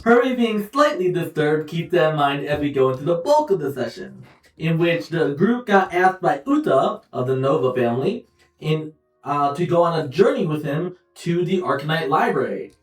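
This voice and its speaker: A young man running a tabletop game, casually recapping and setting the scene in a loose, rambling way with frequent pauses and self-corrections. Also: on the high side, animated. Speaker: game master. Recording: roomy echo, distant mic, faint music behind.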